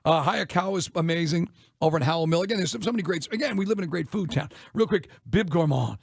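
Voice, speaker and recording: Fast-talking, gravelly American radio host, a man. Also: a little high, no room sound, studio quality. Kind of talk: casual radio talk. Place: radio studio. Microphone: close broadcast microphone.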